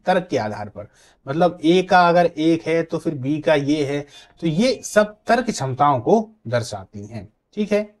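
A male teacher giving an exam coaching lecture at a mid pitch. He works through examples and leans hard on key words. He pauses now and then to check that his students follow. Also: a little mellow. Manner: explains with examples and checks in with "clear?".

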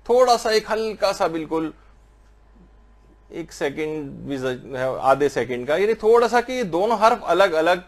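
Man slowly teaching Arabic prayer pronunciation. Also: fairly high pitch, very animated. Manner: slow, drawn-out recitation of Arabic phrases to demonstrate pronunciation. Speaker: religious teacher. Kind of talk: explanatory lesson on prayer recitation.

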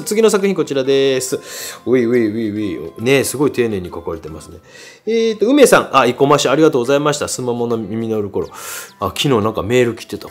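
A man critiquing viewers' paintings in a casual, chatty way, full of fillers and asides. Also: medium pitch.

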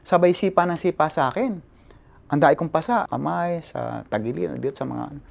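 A male photojournalist giving an animated personal account in an interview, switching between languages and often adding "no?" tags. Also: on the high side, a little fast, gravelly. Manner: animated retelling, code-switching, frequent "no?" tags.

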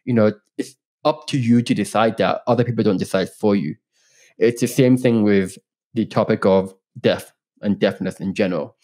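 A man in his thirties from Northern Ireland, whose accent blends Northern Irish, Scottish and English, speaks earnestly and openly as a guest in a casual podcast interview, often restarting. His voice is lowish, normal in speed and a little mellow. He's in a home room with bookshelves, using a boom-arm studio mic and headphones.

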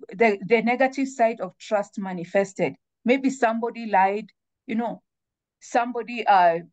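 A woman's voice: fairly high pitch, a little mellow, no echo. A woman speaking as a guest expert on a webinar. She explains her points by asking rhetorical questions.

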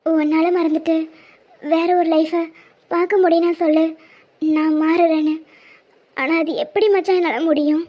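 A gentle, heartbroken young woman from a cartoon love story, voiced by a woman, tearful and pleading. Her voice is high and fairly level, with a dull lo-fi sound. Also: flat delivery, normal speed, long pauses. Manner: soft, pleading. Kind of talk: cartoon voice acting.

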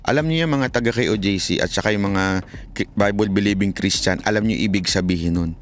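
A man's voice: fairly low pitch, a little fast, soft background music. A man giving heated commentary in his vlog, preaching and pleading with his listeners and quoting scripture in English.

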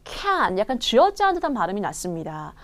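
A woman teaching English pronunciation in an online lesson, repeating short English phrases slowly for learners to copy. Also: high voice, very animated.

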